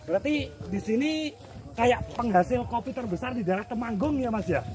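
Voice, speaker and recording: A man's voice: extremely high pitch, moderate pace, over music. A man with a Javanese accent hosting a casual outdoor vlog, chatty and inquisitive, often repeating what he is told. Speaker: vlog host asking locals questions. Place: outdoors on a rural coffee-growing hillside.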